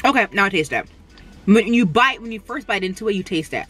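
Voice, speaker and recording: A young woman from Canada reviewing fast food in a casual mukbang while she eats in a parked car, humming appreciatively between bites. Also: mid-range voice, expressive, fairly bright tone. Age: young adult. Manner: chatty, eating between remarks, lots of appreciative hums. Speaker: food vlogger. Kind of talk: casual mukbang tasting chat. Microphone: camera on the dashboard.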